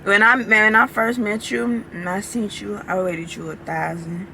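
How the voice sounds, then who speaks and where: A woman's voice: mid-range voice, steady tone, a little slow, gravelly. A woman vlogger chatting playfully on a road trip, often laughing, recorded inside a car. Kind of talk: casual chat in a car. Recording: car noise behind the voice.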